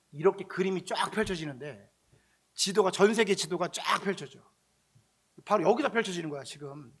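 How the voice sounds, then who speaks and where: Gravelly high-voiced male preacher. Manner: animated, conversational, acting out quotes, shouting at peaks. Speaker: pastor. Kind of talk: storytelling sermon.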